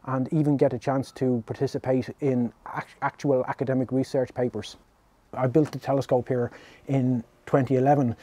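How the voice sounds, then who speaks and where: Mellow Dublin man, dry close sound. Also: medium pitch, dry recording. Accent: Dublin Irish. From Ireland. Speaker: amateur astronomer. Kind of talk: documentary interview, explaining. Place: open-roofed backyard shed observatory. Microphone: lapel mic.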